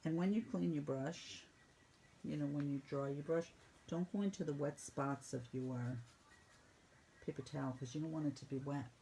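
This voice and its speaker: A woman teaches a painting class step by step, brisk and a little teasing. Her voice has a gravelly edge and a mellow tone. A faint hiss sits under the recording. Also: low-pitched, rough recording. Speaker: painting instructor.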